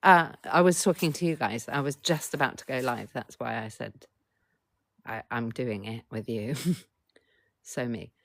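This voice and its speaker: A woman's voice: a bass voice, a little slow, gravelly, dry recording. A middle-aged woman coach hosting a casual live stream, talking bluntly, swearing freely, and keeps urging viewers to reply in the chat.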